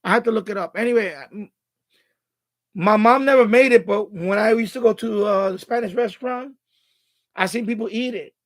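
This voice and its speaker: A high-pitched man from the Bronx, New York City, USA, hosts a live stream, chatting and rambling casually, thinking aloud and repeating himself. He talks fairly quickly, and there's no room sound.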